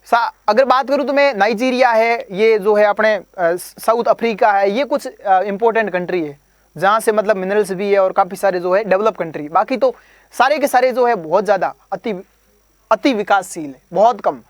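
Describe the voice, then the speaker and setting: A coaching teacher gives an exam preparation lecture, drilling terms through repetition, quizzing listeners, and using playful memory tricks. The voice is medium-pitched at a normal speed, in a dry recording.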